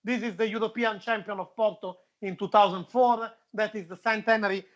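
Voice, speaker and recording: A man's voice: high voice, fairly even intonation, brisk. Playful man with a foreign accent, muffled audio. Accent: foreign, non-native English. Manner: playful, emphatic repetition. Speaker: football show presenter. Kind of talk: casual chat.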